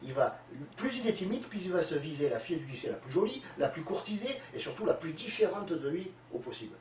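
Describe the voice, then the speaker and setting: Fast-talking man in an echoey room. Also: on the high side, a crowd in the background. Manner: lively, emphatic, many fillers. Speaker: speaker answering listener questions. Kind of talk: explanatory talk. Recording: distant, echoey, dull lo-fi with faint hiss.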